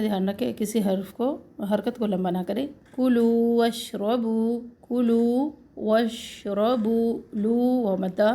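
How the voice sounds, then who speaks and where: Slow, soft-voiced Urdu recitation teacher woman. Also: mid-range voice, vocal fry. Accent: Pakistani Urdu. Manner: patient and corrective, demonstrating words slowly then explaining quickly. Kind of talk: Quran recitation lesson, slow drawn-out recitation with quick explanations.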